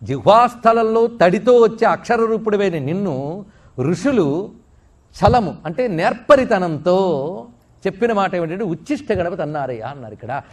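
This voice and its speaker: A middle-aged man giving a religious discourse, explaining through questions he answers himself and slowly chanting Sanskrit verses. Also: high-pitched, lively intonation. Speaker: spiritual discourse speaker.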